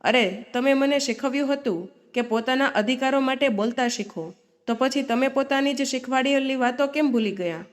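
A woman's voice: high voice, normal speed, lightly acted. A woman voicing a firm outspoken daughter. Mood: confronting. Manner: firm, scolding. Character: outspoken grown daughter defending her mother.

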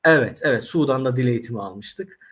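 Male Arabic teacher, animated storyteller, lively intonation, chatty interview guest. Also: mid-range voice, fast talker. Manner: animated storyteller, addresses audience directly. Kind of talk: casual interview conversation.

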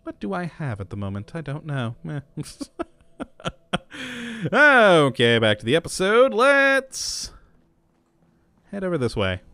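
A man's voice: medium pitch, a bit bright, no echo. A man giving casual, chatty commentary while playing a game, laughing often and humming to himself. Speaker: gameplay commentator. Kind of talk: casual let's-play commentary.

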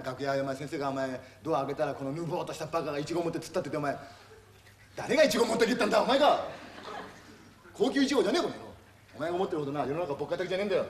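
Man acting as a rough middle-aged tv boss, berating, quick-talking, echoey far-off stage recording with noise. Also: a little high. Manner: berating, rough, drops insults constantly. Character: gruff middle-aged male TV production boss, bullying. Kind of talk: stage comedy monologue.

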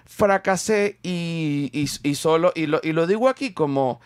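A man's voice: fairly high pitch, measured pace, clean tone, dry recording. Man, rambling self-mocking host. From Venezuela. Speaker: podcast host. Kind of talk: casual chat.

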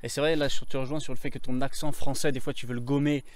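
Fast-talking male interview host. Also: medium pitch, steady tone. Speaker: host, language teacher. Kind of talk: casual interview chat.

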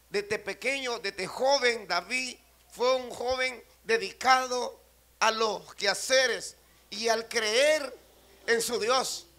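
A man from El Salvador with a Salvadoran Spanish accent, preaching a fervent sermon at a church service, swinging from quiet talk to shouting and calling out to the congregation. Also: sits high.

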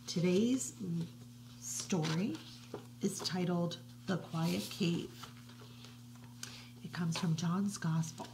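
A middle-aged woman reads a picture book to children from her home, slow and hushed, sometimes dropping to a soft whisper. Her voice sits a little low with a gravelly edge. It is picked up by a webcam, with a faint hiss behind. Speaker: children's religious educator. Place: living room at home, indoors. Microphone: webcam at desk distance.

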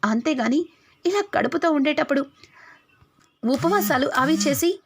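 A woman voicing a calm doctor who gently chides the family. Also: high-pitched, unhurried. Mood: chiding.

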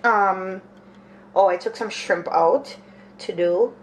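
A woman's voice: mid-range voice, slow, a little hiss or hum. A woman in her twenties, from Jamaica, chatting casually while vlogging at home, rambling and thinking aloud with lots of fillers. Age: 20s. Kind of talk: casual daily vlog chat. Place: small home kitchen and spare room indoors.

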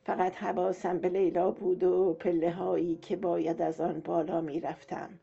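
A woman reads a novel aloud in a calm, measured way, her voice low and gravelly with a dark, mellow tone. The recording is dull and lo-fi, with faint music underneath. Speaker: audiobook narrator. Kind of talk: novel reading.

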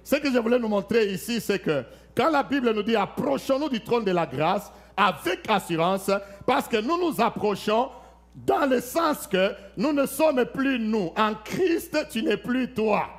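A man's voice: sits high, lively intonation, a little slow. A man preaching a sermon at a church service. He preaches emphatically, with rhetorical questions and frequent amens, and shifts his voice to act out Bible scenes. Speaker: pastor.

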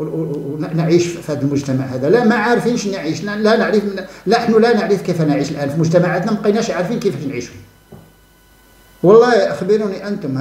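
Fast, fervent Moroccan man in echoey room. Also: fairly high pitch, mellow. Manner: fervent and mocking, repeats phrases, breaks into scornful laughter. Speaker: channel host giving commentary. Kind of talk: impassioned monologue.

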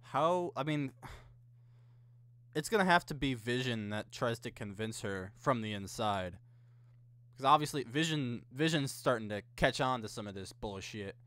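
Young dude reacting casually, swears a lot, bright punchy voice, up close and dry. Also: male voice, mid-range voice, expressive, a little slow, no echo. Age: young adult. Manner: informal, sweary. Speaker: reaction video host. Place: small indoor room at a desk. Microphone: close condenser mic with pop filter.

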